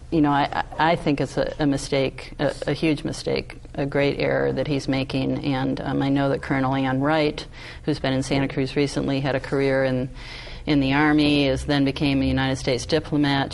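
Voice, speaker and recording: A woman's voice: a bass voice, creaky, darkish tone, a little hiss or hum, rough recording. A woman on a panel, speaking earnestly with many fillers. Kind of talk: panel discussion.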